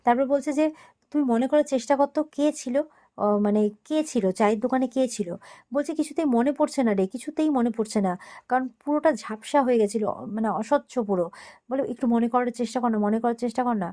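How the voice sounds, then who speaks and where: A woman's voice: on the high side, fast, dark tone. A woman retelling a TV serial episode in a casual way, acting out the dialogue in a raised voice. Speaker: serial recap narrator.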